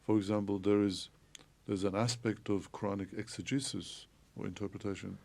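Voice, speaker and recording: Podcast guest: man from Turkey, theologian, gravelly mellow voice, measured explainer. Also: on the low side, level tone. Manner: measured, explanatory, frequent hesitations. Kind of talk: podcast interview.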